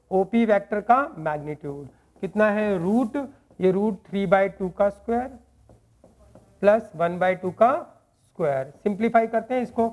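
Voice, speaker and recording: A man teaching a maths lesson to a class in speech, quizzing students with quick questions and joking with them. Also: high-pitched, darkish tone.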